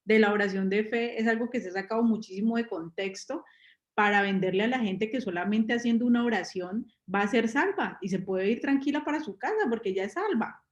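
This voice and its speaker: Female preacher, higher voice, chatty sermon full of questions to the congregation, roomy echo. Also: muffled recording. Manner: asks the listeners rhetorical questions, everyday examples. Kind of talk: conversational sermon.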